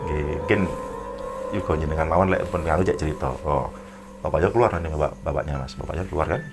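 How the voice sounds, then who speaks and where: A man, a guest in an interview telling a story in a rambling, animated way and acting out the people in it. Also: rumbling low, fast talker. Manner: rambling, animated retelling with acted quotes. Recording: clear background music.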